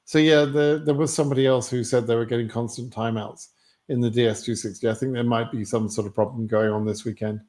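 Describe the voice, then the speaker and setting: With quick pacing and fairly even intonation, a British man in a darkish, mid-range voice reads viewers' questions aloud on his livestream. He is answering immigration lottery queries, and his replies are blunt and matter-of-fact.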